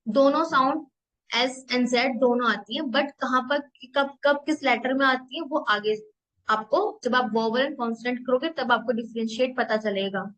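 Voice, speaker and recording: A woman German language instructor giving a recorded lesson, repeating each sound several times in a slow, deliberate way. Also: high-pitched, fairly bright tone, rough recording. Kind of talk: recorded language lesson in Hindi-English mix.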